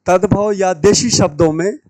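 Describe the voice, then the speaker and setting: A man teaching Hindi grammar in a lecture, slowly repeating key words to stress how they are pronounced. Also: sits high, steady tone, a little mellow, no room sound, low-quality recording. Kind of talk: classroom lecture at a whiteboard.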